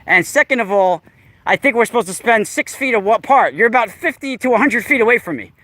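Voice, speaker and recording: Filming outdoors in a park on a camera mic, a male vlogger in his forties argues with a stranger in a casual vlog. His voice sits high and comes across animated, fairly quick, pushed and bright, with a sarcastic, confrontational tone and a habit of repeating himself.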